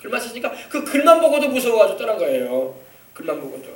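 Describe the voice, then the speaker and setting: A man pastor giving an animated children's sermon, coaxing the kids with questions. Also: high-pitched, fast. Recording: echoey church from far off.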